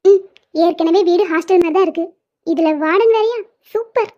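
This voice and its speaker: A woman doing a sassy teenage girl, very high. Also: moderate pace. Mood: cheeky. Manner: cheeky, teasing, sassy. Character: cheeky teenage schoolgirl, sassy and playful. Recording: dull lo-fi sound.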